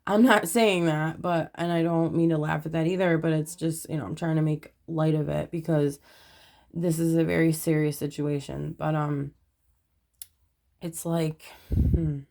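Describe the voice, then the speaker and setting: A woman's voice: low-pitched, flat delivery, moderate pace, gravelly, mellow. A woman giving a casual tarot reading, talking straight to the viewer in an earnest, reassuring way and rambling through lots of "you know" and "um". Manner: meandering, heavy on fillers like "you know" and "um". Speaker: tarot reader.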